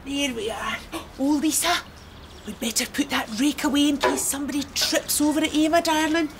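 A woman with a Scottish accent playing a warm-hearted older childminder who fondly coaxes the children in a children's TV show. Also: high voice, fairly even intonation, moderate pace, heavy background noise. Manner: fond and coaxing, calls the child darling. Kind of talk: children's TV acting.

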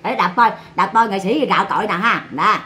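A woman's voice: medium pitch, brisk, bright, forceful tone. A woman with a Southern Vietnamese accent, ranting sarcastically and bluntly on a livestream.

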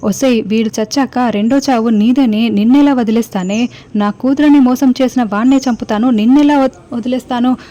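A woman's voice: a little high, brisk, close to an everyday voice. A woman voicing a furious middle-aged mother who hurls accusations and threats, in a retold TV serial. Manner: shouting accusations.

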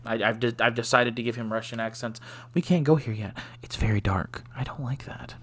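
A man's voice: medium pitch, steady tone, brisk. A man giving casual let's play commentary, joking and self-deprecating, often sighing. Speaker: gaming channel host.

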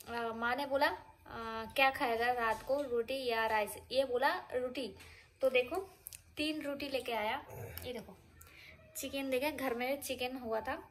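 A woman with a high voice talks to her viewers in a relaxed, rambling home vlog. She chats on casually and speaks to them directly. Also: a little hiss or hum. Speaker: vlogger. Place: home, indoors.

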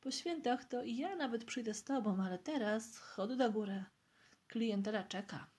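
A woman's voice: fairly high pitch, moderate pace, a little mellow, breathy edge. A woman reading aloud, voicing a cheerful young man dressed up as a Christmas gift-bringer who jokes kindly with a sick boy. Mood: coaxing. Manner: jovial, bluffing chatter. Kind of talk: audiobook reading of a novel.

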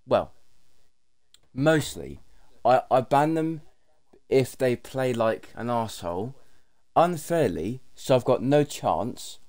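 A man's voice: mid-range voice, a little mellow. A young British man, an irritable raging gamer who swears as he rants on a livestream while gaming. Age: young adult. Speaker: video game streamer. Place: small bedroom, indoors. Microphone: gaming headset.

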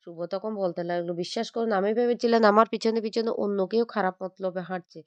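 A woman's voice: mid-range voice, steady tone, quick pace, a little mellow, smooth, dry recording, lo-fi sound. A woman casually retelling a television serial's episode, voicing everyone's quoted lines in much the same voice, with frequent restarts and filler sounds. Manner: reads all characters' lines in much the same voice. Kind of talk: casual storytelling narration with quoted dialogue.

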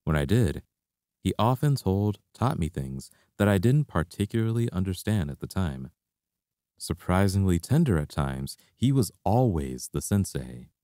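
Deep, mellow man reading a memoir. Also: a little slow, no room sound, studio quality. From Canada. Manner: reflective, steady storytelling. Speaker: martial arts instructor. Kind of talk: reading a personal memoir aloud.

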